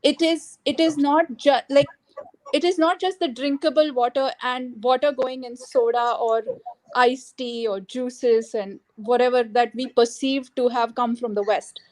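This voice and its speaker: A woman's voice: sits high, fairly even intonation, very slow. A woman from India with a mixed Indian and American English accent, a guest explaining her views thoughtfully while mixing Hindi and English. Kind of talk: casual discussion, Hindi-English mix.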